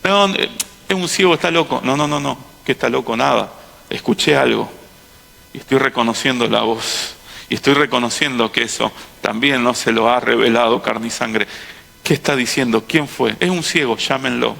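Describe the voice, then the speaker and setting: Impassioned Rioplatense preacher in a hall. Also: male voice, mid-range voice, moderate pace, gravelly. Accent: Rioplatense Spanish. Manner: impassioned preaching, swinging from hushed to loud bursts. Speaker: pastor. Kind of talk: sermon. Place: large auditorium. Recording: long hall reverb.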